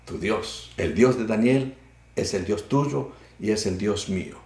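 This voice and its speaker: Male pastor, mellow low voice, fervent sermon cadence, roomy echo. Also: unhurried. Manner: fervent, repetitive preaching cadence.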